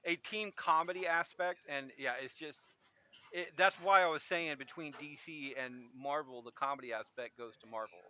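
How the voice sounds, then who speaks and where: A man's voice: fairly high pitch, moderate pace, a crowd in the background. A man hosting a casual podcast chat, joking and rambling with frequent restarts. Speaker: podcast host.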